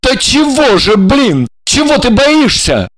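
A male reader voicing a quick-tempered young stepson who snaps his questions. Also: high-pitched, lively intonation. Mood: exasperated. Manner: exasperated, shouting questions. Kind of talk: audiobook character voicing.

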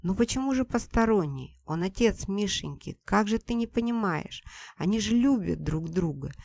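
A woman's voice: medium pitch, animated, normal speed, creaky, darkish tone, pitched above the performer's own voice. A woman narrator voicing a timid but earnest young woman who implores and defends someone.

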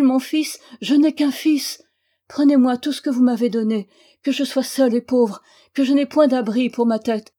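A woman's voice: high-pitched, dark tone, voice pushed up. A woman reading the part of a grief-stricken noble mother who sobs and pleads for her lost son in an audiobook. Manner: sobbing, pleading, rising to desperate cries.

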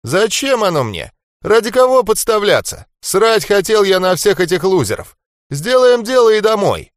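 Brash jeering bruiser, put on by a male audiobook reader, pitched up, bouncy delivery. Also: sing-song, normal speed, no room sound, clean studio sound. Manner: loud, jeering, laughing taunts. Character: brash cocky swearing male fighter, mocking. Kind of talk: audiobook character voice.

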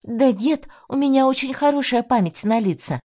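A woman voicing an eager, earnest young woman who speaks in a lively, raised voice. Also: high voice, normal speed, voice pushed up. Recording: dull lo-fi audio.

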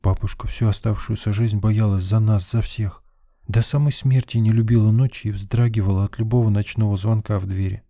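A man reading an audiobook, voicing a timid, easily frightened young woman in a soft, anxious, raised voice. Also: fairly even intonation, a little fast, no echo, studio quality, lightly acted. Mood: sad. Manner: soft, anxious, higher put-on voice. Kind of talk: audiobook character voice.

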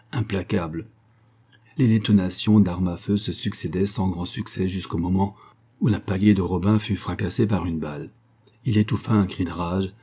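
A man narrating an adventure audiobook with a steady, dramatic reading. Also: deep voice, husky.

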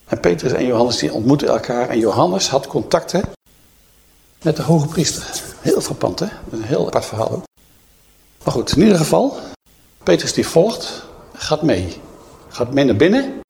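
A man's voice: medium pitch, very animated, moderate pace, pauses often, darkish tone, slight background noise. A middle-aged man preaching in a conversational, storytelling way, often adding tag questions. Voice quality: creaky. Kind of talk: sermon retelling a Bible story.

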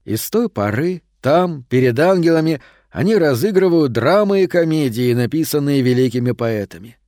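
A man narrating a fairy tale audiobook in a calm, measured storytelling manner. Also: fairly high pitch, no echo, clean studio sound.

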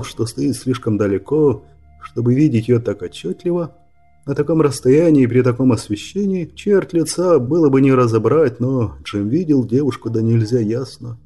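A man narrating a fantasy audiobook in a steady, measured read, his voice husky. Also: mid-range voice. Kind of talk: scripted narration.

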